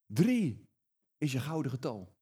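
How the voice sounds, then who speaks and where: A man's voice: medium pitch, sing-song, measured pace, dark tone, husky. A man preaching a sermon, emphatic and often repeating words as he builds his points.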